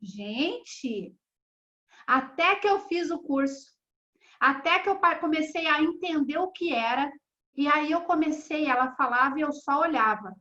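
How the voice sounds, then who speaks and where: A woman with a high, bright voice leads an online mentoring class as a therapist. She talks in a chatty, animated way and acts out bits of dialogue. The audio comes through a slightly dull video call. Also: a little slow.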